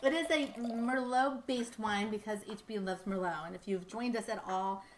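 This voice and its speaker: A woman in her thirties, a winery host, runs a virtual wine tasting from an indoor tasting room, speaking into a tabletop mic on a stand. Her mid-range voice moves at a moderate pace as she chats casually in a bubbly, rambling way full of fillers, with a little hiss or hum in the audio.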